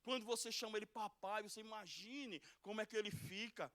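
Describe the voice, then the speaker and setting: A middle-aged pastor from Pernambuco, preaching a fervent sermon that swings from loud exhortation to soft pleading. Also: male voice, sits high, fairly quick, dry recording. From Pernambuco, Brazil. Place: church sanctuary.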